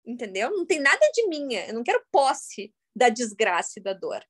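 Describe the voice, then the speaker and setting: A woman, giving a live workshop talk to an audience, telling stories in a jokey, animated way with sudden loud, high bursts. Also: brisk. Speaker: workshop facilitator.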